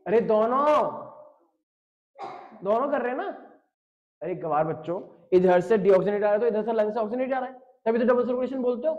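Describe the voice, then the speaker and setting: High-voiced joking male biology teacher. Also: brisk, darkish tone. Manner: jokey, teasing, talks straight to students. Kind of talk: online class lecture reading chat questions. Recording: dull lo-fi stream audio.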